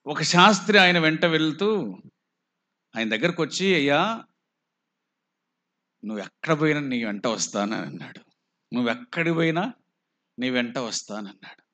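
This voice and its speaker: A man with a Telugu accent, preaching a slow, emphatic sermon full of rhetorical questions. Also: on the high side, very animated, pushed and bright. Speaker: pastor.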